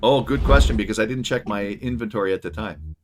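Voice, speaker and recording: A man's voice: on the low side, lively intonation, fast, noisy background. A man hosting a live stream interview while playing a game, easygoing with many short acknowledgments. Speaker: stream host.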